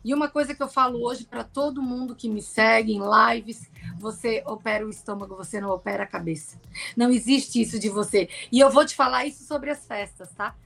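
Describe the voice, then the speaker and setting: A woman's voice: on the high side, a little fast, gravelly, fairly bright tone. A middle-aged woman telling her own story as a podcast guest, emotional and candid, often ending phrases with a questioning tag. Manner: emotional storytelling, frequent "né?" tags. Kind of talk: personal testimony in a podcast interview.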